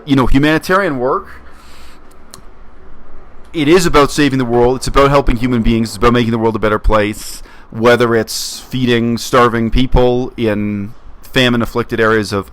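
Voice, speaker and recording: Canadian-raised guy rambling earnestly to his viewers, thoughtful, lots of restarts, mid pitch. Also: a bit bright. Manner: earnest, reflective, halting with restarts. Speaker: YouTube commentator. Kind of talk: casual monologue.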